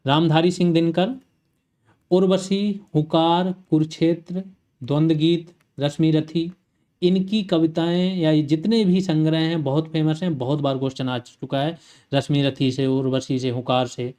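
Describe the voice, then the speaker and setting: A man's voice: a little high, steady tone, unhurried, mellow. A male teacher giving an online exam-prep lecture, reeling off lists of titles and lifting his voice on questions to the class.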